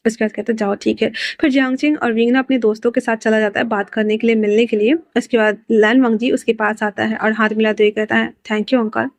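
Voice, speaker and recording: A woman casually narrating a fan-fiction story, voicing the characters' lines and breaking in with her own excited asides. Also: on the high side, fast, few pauses, no echo.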